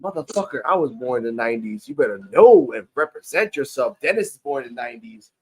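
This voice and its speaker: A man's voice: medium pitch, lively intonation, quick pace, breathy edge, low-quality recording. A man in his forties casually recapping a wrestling show, loose and profane, rambling through the matches. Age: 40s. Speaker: podcast co-host. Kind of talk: casual wrestling review chat.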